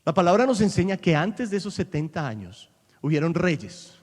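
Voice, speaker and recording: A male pastor delivers an animated sermon in a somewhat high voice, now and then slipping into English and climbing to loud, emphatic peaks. His voice rings with the long reverb of a large church hall. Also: moderate pace. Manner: animated preaching, switching between English and Spanish, rising to loud peaks.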